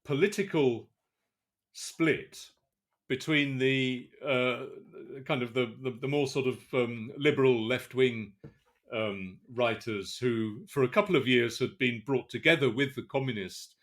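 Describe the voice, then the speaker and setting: Guy cohosting a podcast, mid pitch, lots of um you know, halting. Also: fairly bright tone. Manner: hesitant, many fillers and restarts. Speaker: podcast co-host. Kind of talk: casual chat.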